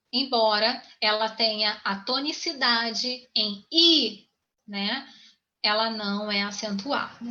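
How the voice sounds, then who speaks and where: A woman teaches a grammar lesson in a high, bright voice, taking her time over each point. She keeps repeating herself and checking that her students follow along. The recording sounds dull and lo-fi.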